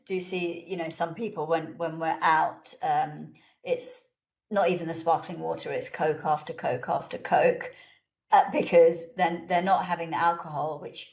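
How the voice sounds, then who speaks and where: A woman's voice: low voice, gravelly, darkish tone. A woman hosting a podcast interview, giving brief agreeing replies and casual questions. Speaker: podcast host.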